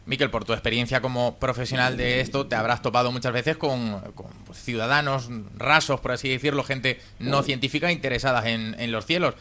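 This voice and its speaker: Fast bright radio host. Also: male voice, medium pitch, steady tone, slight background noise. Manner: long, winding questions. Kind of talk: radio interview questions.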